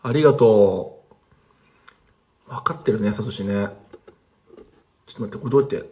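A man's voice: on the low side, normal speed, a little mellow, slight background noise. A man teaching casually on a livestream, chatting with viewers and replying to their comments. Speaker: language teacher streaming live.

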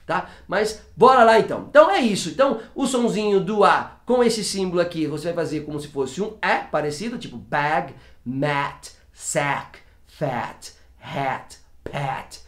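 A man's voice: high voice, expressive, brisk. A man teaching English pronunciation in a casual video lesson, chatty and repeating example words to demonstrate sounds. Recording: roomy echo.

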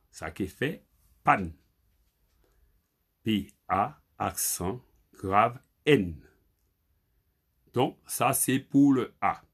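A man teaching a Creole spelling lesson, halting and repeating himself as he spells letters aloud. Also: lowish voice, husky.

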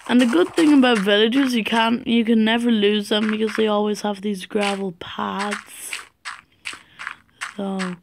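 A tired Irish teenage girl rambles through casual gameplay commentary, mumbling asides and breaking into sing-song chanting. Her voice is medium-pitched with fairly even intonation and a measured pace. The home recording is noisy, with clicks.

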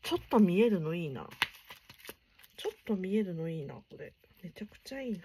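A young woman chatting casually while unboxing stationery gifts, keeping her voice low and gushing softly, sometimes dropping to near whispers. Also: big pitch swings, fairly quick, a little hiss or hum. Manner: soft-spoken, chatty, keeps voice down late at night.

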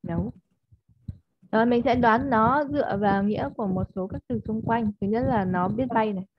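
A woman's voice: fairly high pitch, normal speed, background noise. A Vietnamese-speaking woman teaching an online English lesson, modelling stressed words and often checking with her student. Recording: slightly dull, dry audio.

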